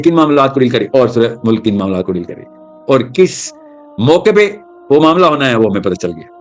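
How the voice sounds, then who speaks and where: A man giving a religious talk, telling stories with energy and mixing English terms into his speech. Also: mid-range voice. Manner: animated storytelling, mixing English terms into Urdu. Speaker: Islamic speaker.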